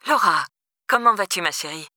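A woman voicing a careless mother who talks in a soft, airy, offhand way. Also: lowish voice, expressive, brisk, no echo, clean studio sound. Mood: flippant. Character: careless mother abroad, flippant and distant.

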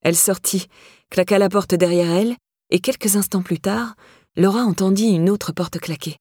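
A woman narrating an audiobook in a calm, even storytelling voice, close to the mic. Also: medium pitch, normal speed, no echo.

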